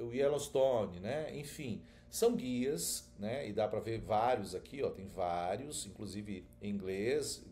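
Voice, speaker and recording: A man's voice: mid-range voice, mellow, slight background noise. A man, teaching a screen-share tutorial in an informal, chatty way and checking in with viewers often. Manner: informal, addresses viewers directly, frequent filler checks.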